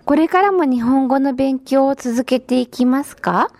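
A woman's voice: high-pitched, a little slow, a little mellow, no room sound. A woman hosting a radio interview show, formal, courteous and encouraging as she asks her guest questions. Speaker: radio host.

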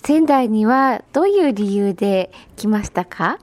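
A woman's voice: mid-range voice, expressive, a little slow, darkish tone. A woman hosting a radio interview show, formal, courteous and encouraging as she asks her guest questions. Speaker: radio host.

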